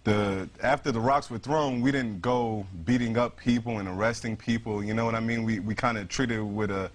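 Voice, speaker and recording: Male veteran as interview guest, lowish voice, earnest, halting and repetitive conversational answers. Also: steady tone. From United States, New York City. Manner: earnest, repeats himself, frequent "you know".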